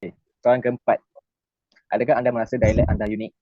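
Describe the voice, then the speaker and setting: A man's voice: medium pitch, little pitch movement, fast, no room sound. A man interviewer briefly reading out interview questions. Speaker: student interviewer. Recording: dry, dull lo-fi sound.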